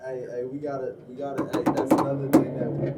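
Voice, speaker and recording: A man hosting an interview, chiming in with quick affirmations and hyping his guest up. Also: mid-range voice, monotone. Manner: hypes the guest, quick affirmations like "real talk". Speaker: host. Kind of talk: casual interview chat. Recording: distant mic with faint room noise.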